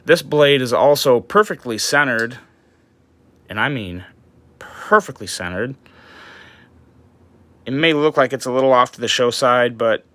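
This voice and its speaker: Man, casual knife review, enthusiastic and rambling, early-morning voice stumbling over words, bright tone, dry close sound. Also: medium pitch, moderate pace, dry recording. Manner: enthusiastic, rambling with restarts and fillers.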